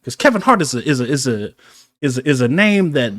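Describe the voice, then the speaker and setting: A man co-hosting a podcast, chatting casually as an animated storyteller who laughs often. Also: medium pitch, a little fast, no room sound, studio quality. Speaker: podcast co-host. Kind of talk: casual chat.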